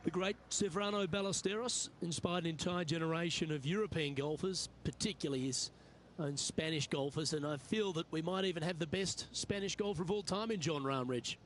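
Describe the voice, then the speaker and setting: A man working as lead golf commentator in a video game, giving measured play-by-play calls. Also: on the high side, fairly bright tone, slight background noise, natural voice.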